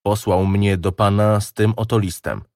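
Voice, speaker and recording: A man's voice: lowish voice, steady tone, normal speed, darkish tone, no room sound, clean studio sound, natural voice. A man reading the part of a troubled young man of about twenty in an audiobook, speaking in a hollow, muted way. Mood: gloomy.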